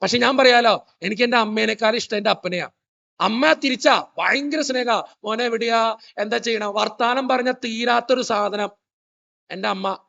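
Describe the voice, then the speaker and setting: A man's voice: very high-pitched, normal speed, vocal fry, pushed and bright, muffled recording. A man, a priest giving a humorous motivational talk in church, telling family stories and quizzing the audience. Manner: storytelling, joking, quizzing the audience. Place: church hall.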